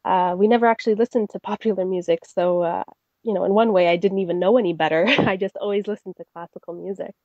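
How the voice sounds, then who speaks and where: A young Canadian woman, a guest singer, answers interview questions in a friendly, chatty manner with lots of fillers and restarts. She speaks fast in a steady, medium-pitched voice. The recording is dry, with the highs cut off.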